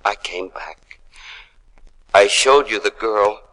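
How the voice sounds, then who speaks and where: A man performing a dramatic monologue as an anguished, lonely male monster, moving between hushed whispers and desperate shouts. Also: lowish voice, slow pace. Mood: remorseful. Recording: noisy recording with clicks.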